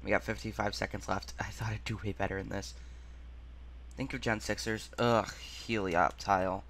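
A man hosting a gaming channel, thinking aloud through a quiz in a muttering, halting way and sounding out words as he goes. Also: fairly low pitch, fairly even intonation, a bit bright, slight background noise.

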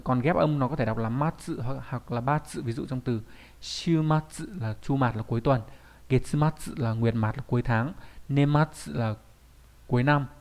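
A man's voice: mid-range voice, darkish tone. A man with a mid-range voice teaches kanji in a recorded online lesson. He talks in a loose, chatty way and keeps throwing in rhetorical questions and little tag questions.

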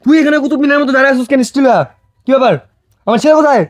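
A man playing a frantic village father, very high voice. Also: steady tone, racing, no room sound. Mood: worried. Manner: shouting, accusing, pleading. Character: distraught village father, home after long away. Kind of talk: amateur short film drama.

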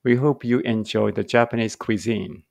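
A man with a gravelly, creaky voice leads a read-aloud English lesson. He reads each Japanese line and then the English slowly and deliberately, breaking off now and then to check how a word is pronounced. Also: mid-range voice, a little mellow, no room sound. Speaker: English teacher.

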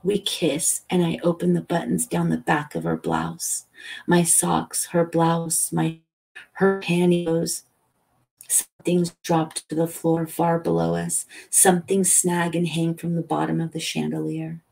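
A woman reading a novel aloud as a calm, soothing bedtime story. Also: on the low side, gravelly, slightly rough, poor audio. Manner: slow, calm, soothing delivery. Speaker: audiobook reader.

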